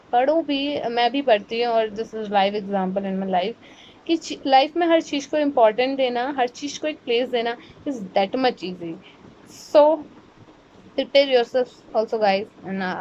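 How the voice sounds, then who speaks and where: A woman's voice: mid-range voice, a little mellow, lo-fi sound, slight background noise. A young woman from India talking to camera in a casual, rambling vlog, mixing Hindi and English and often correcting herself. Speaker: vlogger.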